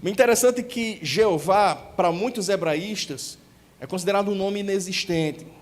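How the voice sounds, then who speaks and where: High-voiced Brazilian pastor preaching. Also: male voice. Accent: Brazilian Portuguese, northeastern. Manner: teaching, slows to stress holy names. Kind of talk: sermon.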